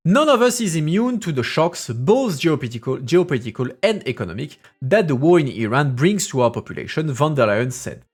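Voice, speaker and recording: A man's voice: on the high side, expressive, brisk, hardly any pauses, slightly rough. A man streaming a casual review of news, reading articles aloud and then breaking into loose, sarcastic asides while he thinks aloud. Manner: hesitant, many fillers and restarts while thinking aloud.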